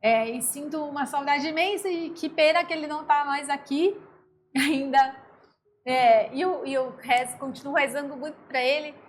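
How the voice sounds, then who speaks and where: High-voiced Brazilian woman sharing softly. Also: a little hiss or hum. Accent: Brazilian Portuguese. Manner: reflective, tender, halting with soft pauses. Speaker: interview guest. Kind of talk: personal testimony in conversation.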